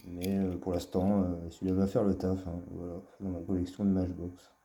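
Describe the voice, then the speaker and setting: Low, dark-voiced man, hesitant and fond. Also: level tone, moderate pace. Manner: hesitant, filler-heavy, fond. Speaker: collector presenting his finds. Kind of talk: casual show-and-tell vlog. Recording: echoey room.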